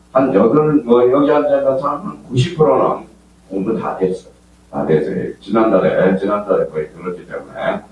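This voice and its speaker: With a lowish voice caught on a distant mic, an older Gyeongsang-accented man from that region of Korea keeps firing questions at exam students during a classroom lecture. The lecture hall with live students is very echoey, he sounds far off, and a faint hum sits underneath.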